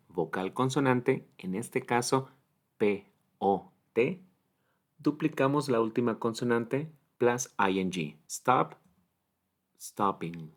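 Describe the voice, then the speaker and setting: Man, English teacher, low voice, very slow, deliberate explanations. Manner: slow, deliberate, spells out letters and models English words. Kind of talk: grammar lesson explanation.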